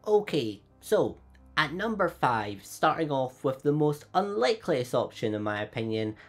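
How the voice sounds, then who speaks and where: Very animated and speaking at a normal speed, a man runs his own YouTube channel, walking through fan theories despite having a cold. He's upbeat and chatty, his pitch often climbing.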